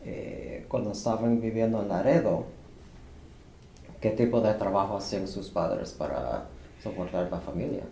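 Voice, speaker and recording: A man interviewing someone, asking halting, searching questions. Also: fairly low pitch, warm tone. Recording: roomy room with faint noise.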